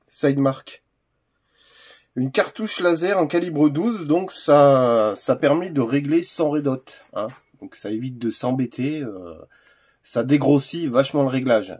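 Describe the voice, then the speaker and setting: A man's voice: medium pitch, a little mellow, husky. A man hosting a casual unboxing video, talking hesitantly with lots of fillers and restarts. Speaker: gun accessory reviewer.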